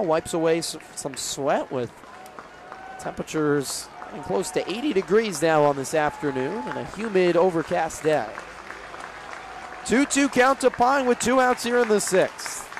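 Here the play-by-play comes from a young man with a high, animated voice who talks a little slowly as he describes a live baseball game for radio. He's broadcasting from an outdoor ballpark, with the crowd and stadium noise audible in the background.

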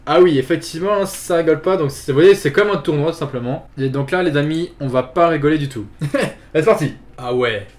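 Chatty gamer guy, slightly high voice. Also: fairly quick. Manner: chatty, filler-heavy, repeats "tout simplement"; excited yelps during fights. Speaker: gaming video host. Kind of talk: casual let's play commentary.

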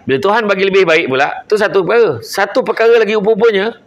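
A male preacher with a Malaysian Malay accent delivers a funny religious talk, joking with and teasing his live audience while switching between "I" and "aku." His voice is high-pitched and quick, and the audio sounds dull.

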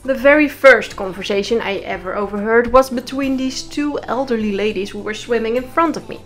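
A young woman with a fairly high voice tells comic stories with dry, sarcastic asides. She talks in a loose monologue while soft music plays in the background. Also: fairly quick. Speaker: comedic storyteller. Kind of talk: comedic storytime monologue. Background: faint music.

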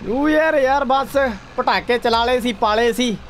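A young man streams a game and chats casually with his friend. His voice is high and excitable, with short repeated exclamations. Faint engine and outdoor game noise sits behind him. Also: a little slow. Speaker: gaming streamer. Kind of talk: casual gameplay commentary with a friend. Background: tractor game sounds.

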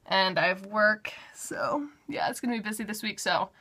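A woman's voice: mid-range voice, steady tone, fairly quick, pushed and bright. A woman in her twenties chatting casually and upbeat to her vlog viewers, full of "like" and "um". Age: 20s. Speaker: vlogger.

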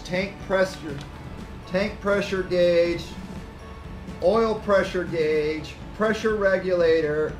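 A man in his thirties casually unboxing and reviewing tools, plain-spoken and a little self-deprecating, recorded on a camera mic in a cluttered indoor garage workshop. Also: a little high. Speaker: channel host reviewing tools.

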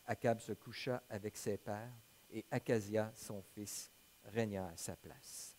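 Quebec French pastor preaching steadily. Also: male voice, fairly low pitch, fairly even intonation, darkish tone, a little hiss or hum. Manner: measured scripture reading, then plain conversational preaching with hesitations. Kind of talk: sermon with Bible reading.

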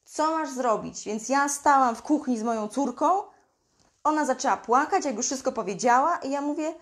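A woman giving blunt, emphatic parenting advice to camera, using mild slang and acting out what parents say. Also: sits high. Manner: acts out parents' lines in quick mimicking voices. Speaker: parenting coach. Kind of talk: direct-to-camera advice talk.

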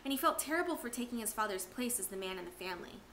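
A woman teacher reading a novel aloud at home with expressive storytelling. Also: a little high, rapid-fire, a little hiss or hum.

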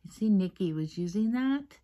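A woman vlogger chatting casually through her makeup routine in a soft, half-whispered, rambling way, recorded at her mother's place on the camera's own mic without a separate microphone. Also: mid-range voice, expressive, normal speed. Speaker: beauty vlogger. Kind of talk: casual get-ready-with-me makeup chat. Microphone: built-in camera mic, no separate mic.

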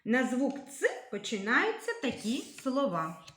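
Slow, lively woman teaching children. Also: on the high side, echoey room. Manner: slow, clearly articulated, encouraging. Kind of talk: literacy lesson for young children.

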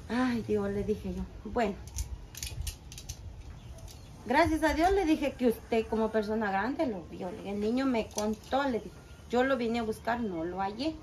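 Animated woman telling a story. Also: on the high side, moderate pace, a little hiss or hum, rough recording. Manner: animated retelling with quoted dialogue. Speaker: mother and small business owner. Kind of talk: storytelling interview.

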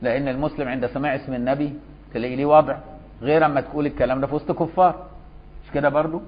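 A male Egyptian scholar gives a religious lesson, reading passages aloud and then unpacking them in relaxed colloquial speech. His voice sits at a middle pitch and the recording is slightly dull and lo-fi. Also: very fast. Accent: Egyptian Arabic. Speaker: Islamic scholar teaching a fiqh lesson.

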